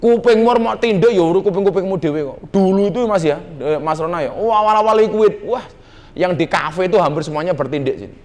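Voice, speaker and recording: Brisk and high-pitched, a middle-aged Javanese-accented man teases a live crowd in a nightclub hall with a joking sermon, working Javanese slang into what he says.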